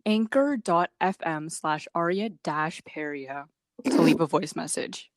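A woman's voice: low-pitched, unhurried, no echo, studio quality. A young woman co-hosting a casual podcast chat, giggling often and rambling with lots of fillers. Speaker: podcast co-host.

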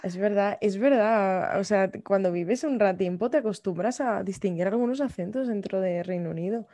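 A woman's voice: mid-range voice, normal speed, warm tone, no echo. A woman in casual podcast chat, opinionated and playful. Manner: opinionated, playful, mimics accents. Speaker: podcast co-host. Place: lives in the English Midlands.

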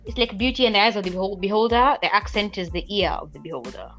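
A woman with a Kenyan accent chats as a podcast guest in a mid-range voice. She is outspoken and animated and laughs easily, with faint music behind her. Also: medium pitch, fast talker. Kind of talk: casual chat.

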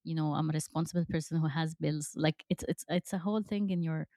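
A woman's voice: low-pitched, steady tone, quick pace, mellow, dry recording, studio quality. A woman in her thirties hosting an interview, chatty with many fillers and restarts. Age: 30s. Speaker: host. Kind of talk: conversational interview.

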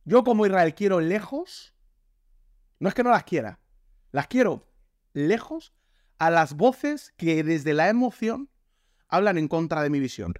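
A man with a Spain Spanish accent giving a lively, jokey sermon and acting out the voices he quotes. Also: a little high, a little slow, pauses often, dry recording, studio quality. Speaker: pastor.

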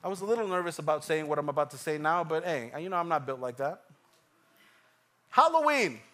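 Male pastor in his thirties, high-pitched, lively emphatic sermon delivery with repetition. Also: brisk. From Ecuador. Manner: animated preaching, swings from hushed to loud, repeats lines for emphasis.

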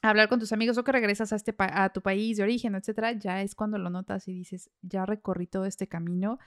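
A woman's voice: medium pitch, steady tone, fast talker. A Mexican woman hosting a podcast, chatting casually with lots of fillers and little laughs. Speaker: podcast host.

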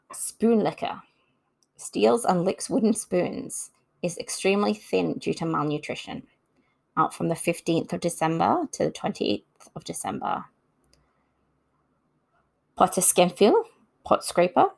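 A woman with a low, creaky and slightly mellow voice hosts a laid-back folklore talk. She works from notes and slips in casual side comments along the way.

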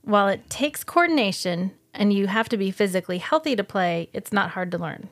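A woman's voice: medium pitch, expressive, a little fast. A middle-aged woman co-hosting a podcast in casual chat, patiently reading out facts and figures. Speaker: podcast co-host.

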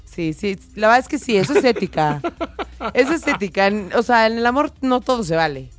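A woman's voice: mid-range voice, animated, brisk, faint music behind. A woman with a Mexican accent, chatting casually and playfully, acting out quoted voices as she tells stories. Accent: Mexican Spanish. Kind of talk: casual chat.

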